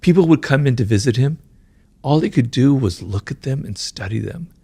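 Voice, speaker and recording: A man answering interview questions, explaining at length, talks fast and keeps checking in with "right?" and "you know". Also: medium pitch, animated, dark tone, slightly rough, dry recording. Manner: talks fast, says his mind races. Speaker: author being interviewed.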